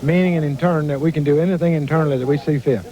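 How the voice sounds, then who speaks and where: A man explaining rules in an interview as a tractor owner, with measured, formal wording. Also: a little high, fairly even intonation, a crowd in the background, rough recording.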